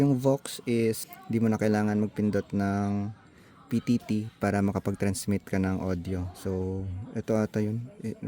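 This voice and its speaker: A man with a Filipino accent gives a casual hands-on gear demonstration, thinking aloud tentatively. His voice is on the low side with a dark tone, and there's faint background noise.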